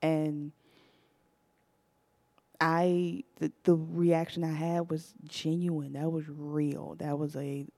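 Low-voiced woman telling a story, laughing. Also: slow, long pauses. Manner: animated, laughs often while telling the story. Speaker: podcast host. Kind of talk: casual storytelling to a live audience.

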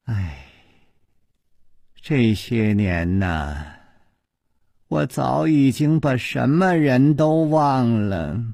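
A man voicing a weary, guarded woman who answers softly and sighs, pitched low in a slow story reading. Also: expressive, breathy edge, dry recording, clean studio sound, heavily acted. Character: weary, aloof older woman, sighing and guarded.

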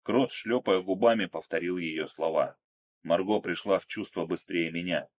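A man narrating an action story in a steady, measured, dramatic reading. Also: low voice. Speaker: audiobook narrator.

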